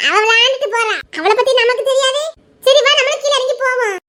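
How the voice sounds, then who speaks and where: Brief: actress playing squabbling schoolgirls, quick teasing banter, very high voice. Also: sharp tone. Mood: gossipy. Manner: bickering, teasing, quick back-and-forth. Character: chatty teenage schoolgirls gossiping after an exam. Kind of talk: audio drama acting.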